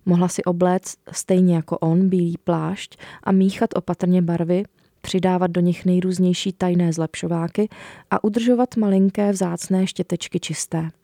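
A woman's voice: lowish voice, level tone, dark tone, no room sound. A woman, an author and radio guest, talking hesitantly with fillers and then reading her book aloud in a studio. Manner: hesitant, with many fillers when talking freely.

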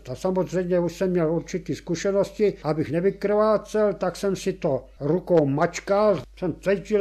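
A man in his eighties recalling combat as a war veteran, telling it vividly and acting out the shouts of the men around him. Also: sits high. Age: 80s. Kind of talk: personal war testimony.

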